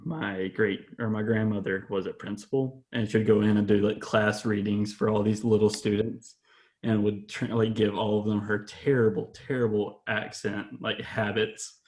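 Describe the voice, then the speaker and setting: A man's voice: lowish voice, a little mellow. A young man in casual chat on a video call, telling a family story with amusement.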